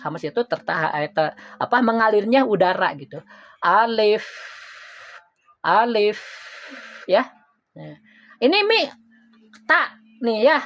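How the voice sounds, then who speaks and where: A woman teaching Quran recitation in an informal lesson, patient and repeating letter sounds slowly. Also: medium pitch, gravelly.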